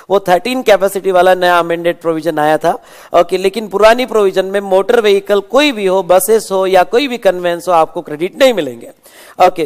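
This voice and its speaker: A man's voice: high-pitched, clean tone, big-room sound. A man giving an exam revision lecture, calling students "beta" and repeating points with frequent "okay". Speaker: teacher.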